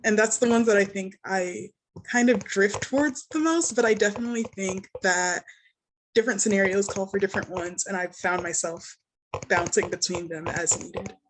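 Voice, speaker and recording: A woman's voice: mid-range voice, moderate pace, background noise. A young woman in an online workshop, speaking thoughtfully with many fillers. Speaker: workshop participant. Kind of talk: casual discussion.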